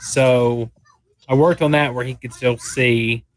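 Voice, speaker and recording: A man playing a tabletop game, describing things casually in a halting, explanatory way. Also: medium pitch, fairly even intonation, dry recording.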